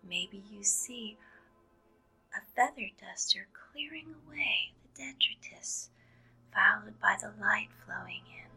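Woman whispering asmr meditation like an airy mystical healer, super breathy n slow, soft music behind. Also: medium pitch, expressive, low-quality recording. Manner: soothing, deliberate short phrases with pauses. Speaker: guided meditation leader. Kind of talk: whispered ASMR guided energy-healing meditation.

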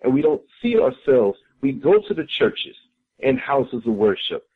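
Over a thin, phone-like line, a male guest from the United States speaks on a talk show in a medium-pitched, breathy-edged voice. He is very animated yet a little slow, preaching passionately and repeating phrases to drive points home.

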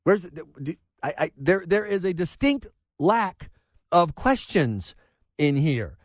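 Brief: middle-aged radio host, high and lively voice, dry close sound, mocking rants. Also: male voice, slow, dry recording. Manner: animated, mocking, acts out quotes. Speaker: radio talk show host. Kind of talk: opinionated talk radio monologue. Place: broadcasting live from a diner.

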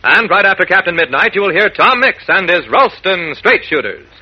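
High-voiced old radio announcer, American man. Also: animated, moderate pace, slightly rough. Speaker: network announcer. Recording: muffled old radio broadcast with music.

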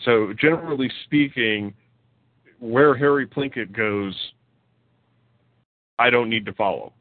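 A man's voice: medium pitch, measured pace, dry recording. Man, podcast host, wry, laughs often, dry tinny audio. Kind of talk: casual podcast chat. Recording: dry, phone-like lo-fi sound.

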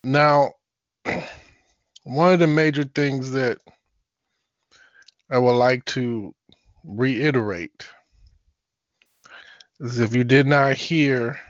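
Slow, breathless man teaching Bible study. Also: no echo. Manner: halting, deliberate, with frequent throat clearing. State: short of breath. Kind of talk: religious teaching on a live call-in. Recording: muffled, dull low-fidelity audio.

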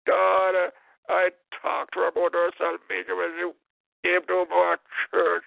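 This man leads impassioned intercessory prayer on a tinny phone-line call, repeating "oh God" and "in the name of Jesus." His high, gravelly voice is delivered completely flat and a little slowly, recorded dry.

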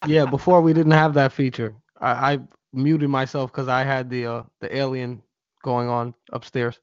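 Smooth-voiced, laid-back man. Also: medium pitch, little pitch movement, moderate pace, dry recording, lo-fi sound. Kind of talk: casual online show chat.

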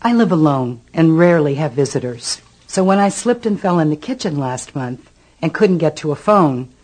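A woman's voice: deep voice, expressive, moderate pace, darkish tone, slightly rough. A woman playing an earnest, vulnerable elderly grandparent living alone in a testimonial advert.

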